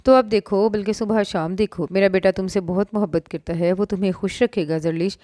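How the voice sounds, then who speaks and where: A woman's voice: mid-range voice, fairly even intonation, brisk, warm tone, no echo, clean studio sound, natural voice. A woman voicing a middle-aged mother who speaks frankly and teasingly. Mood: gentle.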